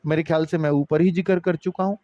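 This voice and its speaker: A man teaching a grammar lesson. He talks to his students as kids and keeps swinging between emphatic high phrases and low, drawn-out ones. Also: fairly even intonation, dark tone, dry recording, muffled recording. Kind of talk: online exam-prep grammar lesson.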